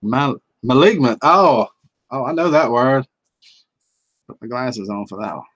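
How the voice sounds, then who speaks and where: Hosting a livestream, a middle-aged Southern US man reads the chat aloud in a casual, folksy way, chuckling and drawling his words. His mid-range voice is fairly bright, with lively intonation and a measured pace.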